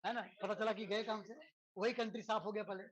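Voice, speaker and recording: A male teacher gives a relaxed physics lesson to students. He keeps checking in with tag questions and leans on rhetorical questions and everyday examples to make his points. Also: sits high, fairly quick, muffled recording. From India. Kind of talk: lecture to students.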